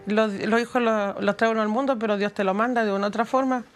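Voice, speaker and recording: A woman's voice: fairly high pitch, steady tone, quick pace, soft background music. A woman with a Chilean Spanish accent giving an earnest, emphatic account as a guest in a television interview. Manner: earnest, emphatic storytelling with quoted speech. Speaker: guest, mother of a detained youth. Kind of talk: interview testimony.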